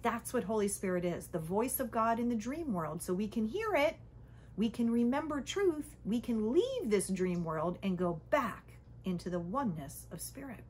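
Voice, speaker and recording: A woman giving a casual spiritual teaching talk, conversational, often checking in with "okay?" and "right?" and sometimes dropping to a soft whisper. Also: fairly high pitch, animated, normal speed, breathy edge. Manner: drops to a soft whisper at times.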